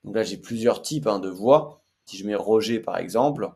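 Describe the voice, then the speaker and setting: A man's voice: fairly low pitch, normal speed, vocal fry, mellow, husky. A man hosting a casual screen-share tutorial, chatty and hesitant with frequent fillers. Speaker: tech tutorial host.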